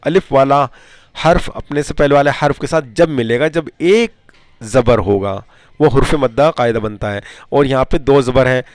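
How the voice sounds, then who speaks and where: A man teaching a step-by-step reading lesson, calling viewers friends, repeating each rule and chanting letter drills in a steady rhythm. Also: mid-range voice, dry recording.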